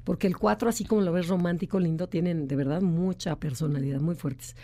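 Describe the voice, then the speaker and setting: A woman's voice: fairly low pitch, fairly quick, mellow. A woman explaining personality types on a radio talk show, acting out quoted voices with frequent restarts. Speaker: enneagram expert guest.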